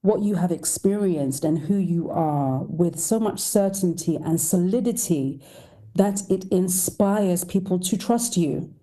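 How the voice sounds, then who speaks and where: Woman voice coach, interview guest: low, very dark tone, unhurried, emphatic coaching. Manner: emphatic, coaching, rhetorical questions. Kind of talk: podcast interview.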